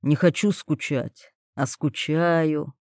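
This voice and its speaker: A woman voicing a brooding young man who speaks in low, slow, curt lines. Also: warm tone, no room sound, clean studio sound. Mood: tender. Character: brooding young man, gruff then tender.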